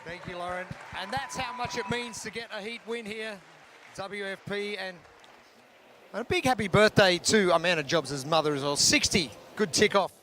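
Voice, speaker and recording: A man's voice: high-pitched, moderate pace, sharp tone, some chatter behind. A man hosting live sports commentary with polished, emphatic delivery. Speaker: broadcast host and commentator.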